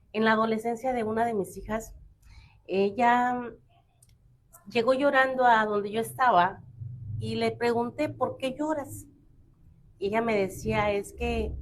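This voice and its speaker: A woman's voice: a little high, a little hiss or hum. A middle-aged woman on a talk show panel, telling a family story and acting out the quoted dialogue. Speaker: panel guest.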